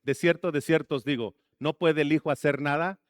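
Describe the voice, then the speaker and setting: A man's voice: on the high side, steady tone, fairly quick, no room sound, studio quality. A man preaching a sermon as pastor, asking the congregation questions and slipping in jokes. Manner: asks the congregation questions and jokes between points.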